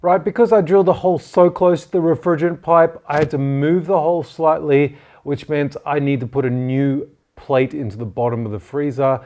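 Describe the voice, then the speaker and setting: Higher-voiced man in a jokey DIY vlog. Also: steady tone, normal speed, hardly any pauses, darkish tone. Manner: jokey, self-deprecating. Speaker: DIY video creator presenting a build. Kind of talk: casual vlog chat to viewers.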